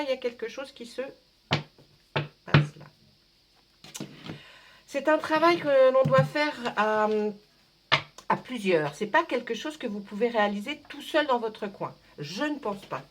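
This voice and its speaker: A woman reading tarot cards for her viewers, chatting casually, joking and talking to herself as she shuffles. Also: mid-range voice. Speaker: tarot card reader.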